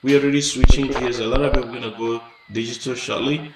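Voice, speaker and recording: An electronics channel host runs a casual, hands-on tutorial, going step by step with frequent restarts and fillers. His voice is medium-pitched, steady and fast, recorded in an echoey, noisy room with the mic at a distance.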